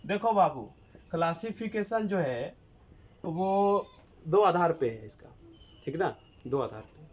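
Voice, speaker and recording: A male engineering teacher, dictating notes and coaxing his students with repeated questions. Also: fairly high pitch. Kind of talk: classroom lecture dictating notes. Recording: dull lo-fi recording with faint hiss.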